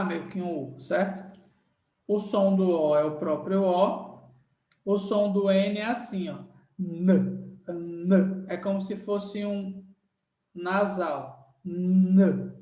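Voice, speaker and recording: A man with a Brazilian Portuguese accent teaches letter sounds in a slow, high voice, drawing each one out and asking "right?" along the way. The recording is echoey and roomy, with the voice sitting a bit back from the microphone. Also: distant mic. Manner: repetitive, emphatic teaching, checking in with "certo?" and "tá?"; sounds out letters slowly and loudly. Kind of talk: recorded online lesson. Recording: roomy echo, voice a bit off-mic.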